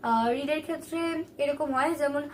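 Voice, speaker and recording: Woman, grammar teacher, high-pitched, patient explaining, distant recording, faint noise behind. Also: brisk. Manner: patient, asks and answers her own questions. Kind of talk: classroom grammar lesson.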